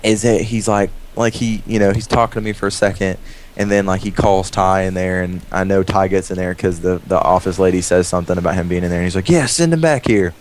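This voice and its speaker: A young man casually tells a rambling, profane story over gameplay, acting out the dialogue with animated quotes. His voice is low-pitched and a little fast, with slight background noise.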